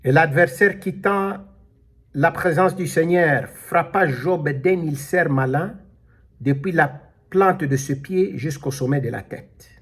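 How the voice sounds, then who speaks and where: A pastor delivers a sermon slowly and emphatically, drawing out his words and calling out alleluia now and then. His voice is a little high for a man and has a husky edge.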